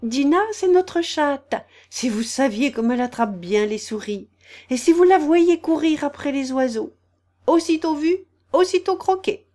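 A woman's voice: sits high, animated, measured pace, darkish tone, pitched above the performer's own voice. A woman voicing Alice, a curious, polite young girl who talks earnestly and a little apologetically. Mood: eager. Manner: eager, earnest, slightly apologetic.

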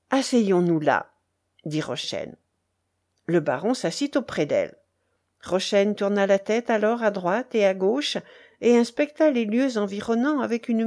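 A woman narrating a classic novel aloud in a measured, expressive storytelling style. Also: medium pitch. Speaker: audiobook narrator.

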